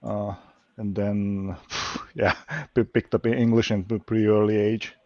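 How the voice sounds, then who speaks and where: A man from Slovakia, speaking English as an in casual chat, halting and searching for words. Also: on the low side, level tone, a little mellow, no echo. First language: Hungarian. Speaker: lockpicking livestream guest. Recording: dull lo-fi stream audio.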